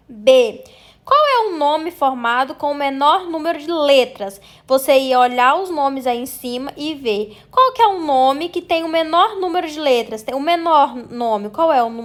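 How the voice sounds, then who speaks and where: A Brazilian woman teaching a primary school lesson, explaining step by step and stretching out example words slowly syllable by syllable. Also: high-pitched. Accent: Brazilian Portuguese. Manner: patient, slow syllable-by-syllable pronunciation of example words.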